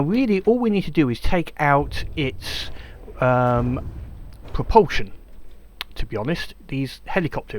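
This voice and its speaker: A man talks through a naval battle game in a loose, rambling way, often pausing with ums and restarting his sentences. His voice sits a little higher than most men's, and a faint hum of noise lies under it. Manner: chatty, hesitant with many ums and restarts. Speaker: gameplay commentator. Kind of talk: casual let's-play commentary.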